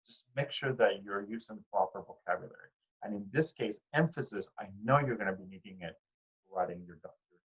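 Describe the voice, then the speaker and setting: In a recorded art class lecture with poor audio, a man with a lowish, husky, somewhat bright voice talks fairly quickly. He speaks conversationally to his students, using fillers and restarts and often asking them questions directly.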